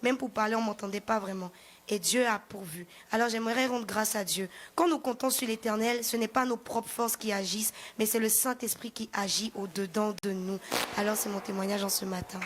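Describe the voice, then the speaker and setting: A woman's voice: mid-range voice, fairly even intonation, a little fast, a little hiss or hum. A young woman from the congregation giving a personal testimony, telling her story plainly step by step. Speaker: church member giving testimony.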